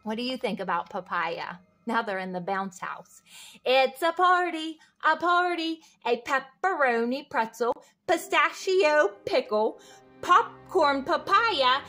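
A read-aloud host with a high-pitched, slightly bright voice reads a children's picture book expressively. She uses sing-song refrains and asks her young listeners little questions along the way.

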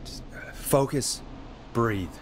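An actor playing a steady, concerned American late-night radio DJ in a video game, measured, sober and reassuring. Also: male voice, medium pitch, a little hiss or hum, natural voice. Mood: steadying, urgent.

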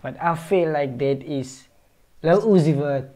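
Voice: medium pitch, measured pace, dark tone. A music reaction streamer giving casual, profane commentary, thinking aloud and often unsure of themself.

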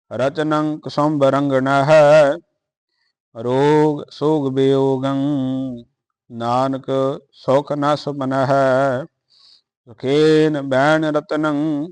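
A man reciting verses in a slow, measured chanting cadence, pausing to add quieter notes on how the words are pronounced. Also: medium pitch, clean tone, no echo. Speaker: scripture reciter.

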